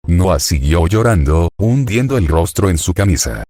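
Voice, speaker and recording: A man narrating a fanfiction story in a steady storytelling read. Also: low-pitched, moderate pace, no room sound, clean studio sound. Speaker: fanfiction reader. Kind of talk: scripted narration.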